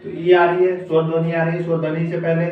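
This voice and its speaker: Male pronunciation teacher, fairly high voice, drills by asking and answering his own questions, recorded far off in an echoey room. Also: completely flat delivery, quick pace, phone-quality sound. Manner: repeats questions and answers them drill-style. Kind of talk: online classroom lesson. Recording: echoey room, mic at a distance.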